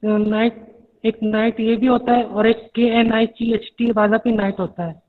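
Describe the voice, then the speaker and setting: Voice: medium pitch, level tone, a little slow. A student asking a teacher questions during an online class, hesitant and repeating the point. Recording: tinny phone-like line with long reverb.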